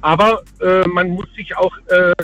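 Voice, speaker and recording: A man's voice: high-pitched, steady tone, measured pace, sharp tone, faint music behind. A man calling in to a radio show over a phone line from the road, talking hesitantly with many fillers. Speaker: radio call-in caller. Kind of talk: casual call-in chat.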